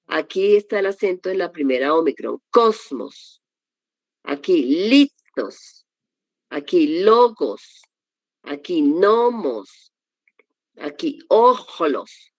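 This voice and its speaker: A woman's voice: low voice, dry recording, dull audio. A woman teaching a Greek vocabulary class, explaining pronunciation step by step with patient examples. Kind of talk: classroom lesson.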